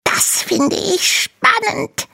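A woman voicing a tiny, timid young male dragon in a storybook reading, squeaky and whimpering as he pleads. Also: lively intonation, drawn-out words, gravelly, bright, forceful tone, full character voice. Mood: eager pleading.

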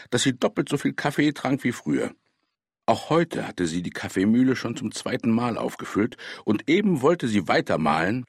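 Husky, lively audiobook narrator, man. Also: fairly low pitch, no echo, clean studio sound. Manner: lively storytelling. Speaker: audiobook reader. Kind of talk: scripted narration of a children's audiobook. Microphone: close studio mic.

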